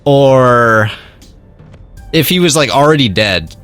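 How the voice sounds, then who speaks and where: A man's voice: mid-range voice, takes it slowly, soft background music. A young man co-hosting a let's play, chatting casually and jokily while he thinks through a mystery game, laughing often. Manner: animated, jokey, laughs often. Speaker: let's play co-host and editor. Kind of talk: casual gameplay chat.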